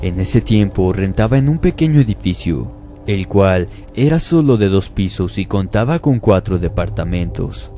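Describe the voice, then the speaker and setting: Dark, low-voiced male horror narrator. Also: lively intonation, normal speed, faint music behind. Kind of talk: scripted first-person horror narration.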